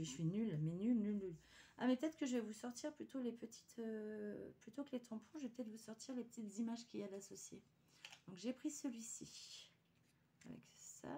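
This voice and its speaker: A woman with a slightly high voice hosts a craft channel, chatting casually through an unboxing. She hesitates often and drops into quiet muttering as she handles the items.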